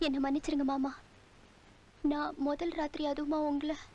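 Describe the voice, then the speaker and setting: Brief: woman as a young bride, high and soft, dull old film sound. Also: little pitch movement, moderate pace, lightly acted. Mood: gentle. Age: young adult. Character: shy, apologetic young bride.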